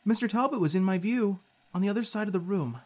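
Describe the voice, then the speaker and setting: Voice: mid-range voice, animated, fast talker, a little mellow, lightly acted. A performer playing a spirited, sarcastic youngster who narrates an audio drama in an informal, candid way. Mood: tense recounting.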